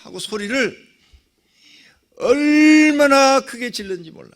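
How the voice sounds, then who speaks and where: A middle-aged male pastor telling a personal testimony in a dawn prayer sermon, dramatic, with sudden swings between loud cries and near whispers. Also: very high voice, animated, a little slow.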